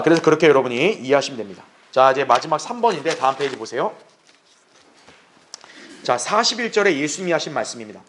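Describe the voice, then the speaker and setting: A male pastor giving an expository Bible lesson, asking rhetorical questions, answering them himself, and acting out quoted lines. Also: fairly high pitch. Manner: acts out quoted speech in lively voices.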